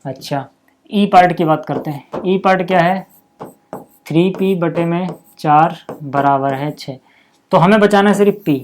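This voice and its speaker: A man's voice: a little high, unhurried, a little mellow, a little hiss or hum. A man teaching a school maths lesson in a casual, chatty way, checking in with the class after every step and calling viewers "yaar" and "bhai sahab".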